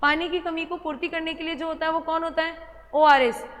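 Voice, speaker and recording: Speaking quickly in a very high, slightly bright voice with little pitch movement, a woman teaches biology at a board. She keeps repeating key terms, tests her students with questions, and fondly addresses them as child, in a recording with hall reverb and faint ambient noise.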